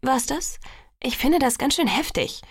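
Woman reading an insecure stubborn young heroine, earnest, pitched up, dry close sound. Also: lively intonation, a little slow, husky, dry recording, heavily acted. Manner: earnest, pleading, raised pitch.

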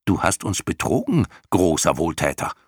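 A man's voice: sing-song, normal speed, husky, no room sound, clean studio sound, full character voice. A man voicing a screeching mob of mocking clown creatures in an audiobook. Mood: shrill, mocking. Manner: shrill, shrieking chorus, frantic and mocking. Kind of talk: audiobook character voice.

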